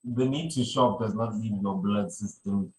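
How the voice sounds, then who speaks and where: A podcast host chats casually, rambling, often repeating his phrases and saying "you know" a lot. His voice is fairly low and moves at a moderate pace. The recording quality is low.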